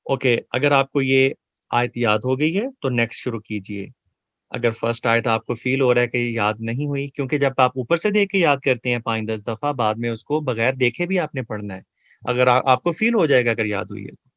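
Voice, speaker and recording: A man's voice: mid-range voice, a bit bright, no room sound. Earnest man teaching Quran pronunciation. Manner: slow drawn-out chanted recitation between explanations; earnest, repetitive coaching, asks and answers his own questions. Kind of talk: recitation lesson, explaining pronunciation in Urdu.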